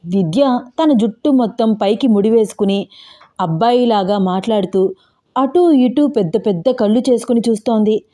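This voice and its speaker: Woman reading an audio novel, slightly high, mellow warm tone, steady and dramatic. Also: normal speed. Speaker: storyteller. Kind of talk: scripted audio story narration.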